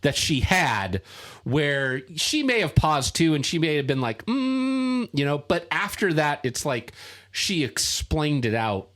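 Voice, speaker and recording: A man co-hosting a casual podcast chat, talking haltingly with many fillers and restarts. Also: fairly high pitch, lively intonation, a bit bright. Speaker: podcast co-host.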